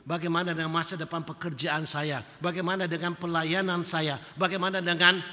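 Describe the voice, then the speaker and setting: A male pastor preaching a sermon, swinging between loud emphasis and quiet, low drops. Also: little pitch movement, brisk. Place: church sanctuary. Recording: long church reverb.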